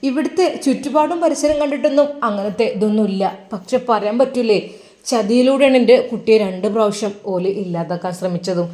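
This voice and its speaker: A woman's voice: a little high, brisk, dark tone, roomy sound, close to an everyday voice. A worried, middle-aged mother, voiced by a woman narrator, pleads in prayer for her son. She speaks, and her prayer sounds anxious and earnest.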